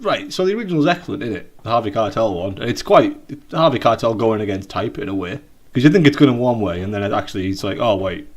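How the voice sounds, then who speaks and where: A British man co-hosting a podcast over a video call, rambling and joking in casual chat, often trailing off quietly. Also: lowish voice, expressive, fast talker. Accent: British English. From Britain. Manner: rambling, jokey, trails off quietly at the ends of points. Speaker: podcast co-host.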